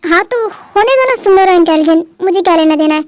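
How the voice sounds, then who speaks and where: A proud, stubborn elder sister in a fan dub drama, sharp and dismissive, as a very high-voiced dubber puts her on. The voice is very high and recorded completely dry. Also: animated, fast, no room sound. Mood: defensive.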